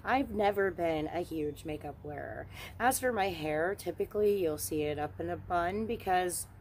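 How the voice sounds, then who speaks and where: Holding her phone camera at arm's length in the woods, this woman in her forties hosts a witchcraft channel, chatting in a frank, relaxed way. Her pitch is fairly low and her pace moderate, with slight background noise.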